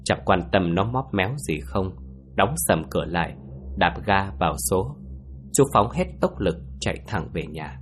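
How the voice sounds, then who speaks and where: A man narrating a ghost story in a slow, hushed, suspenseful manner. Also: low-pitched, animated, faint music behind.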